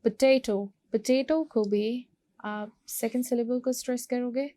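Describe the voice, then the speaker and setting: A woman's voice: fairly high pitch, steady tone, dark tone, no room sound. A woman teacher explaining an English vocabulary lesson, switching between Hindi and English and going through the words one by one. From Pakistan. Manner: slow, explains word by word.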